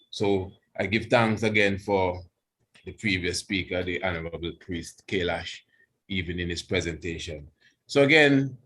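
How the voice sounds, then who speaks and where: A low-pitched male priest delivers an unscripted religious address in Rastafarian idiom. He phrases things deliberately and haltingly, circling back to repeat words and offer reverent thanks. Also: a bit bright. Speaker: priest giving a guest address.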